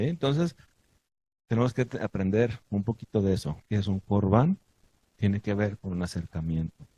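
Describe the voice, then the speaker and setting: A man giving a sermon to his congregation, asking the listeners many questions and stressing points with lively emphasis. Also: on the low side, slightly rough, no room sound. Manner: asks the audience many questions. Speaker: teacher of a congregation.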